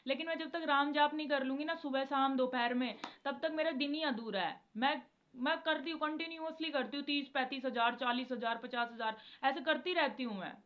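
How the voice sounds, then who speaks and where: A woman's voice: high-pitched, fairly quick, muffled recording. A young woman giving a casual devotional talk to her viewers from a room, chatty and earnest, with lots of filler tags and English words mixed into her speech. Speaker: devotional vlogger. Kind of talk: casual spiritual talk to camera. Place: indoor room.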